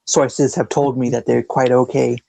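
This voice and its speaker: A man's voice: mid-range voice, level tone, moderate pace, vocal fry, warm tone, no echo. A man guesting on a casual podcast, talking hesitantly with many fillers. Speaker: guest, cartoon reviewer.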